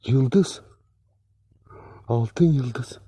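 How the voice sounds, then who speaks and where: A man hosting an outdoor treasure-hunting vlog, exclaiming and repeating short phrases, often dropping to a hushed voice. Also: mid-range voice, very slow, breathy edge, dry recording. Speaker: treasure-hunting video host. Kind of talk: excited outdoor vlog commentary. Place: outdoors by a tree in sunlight.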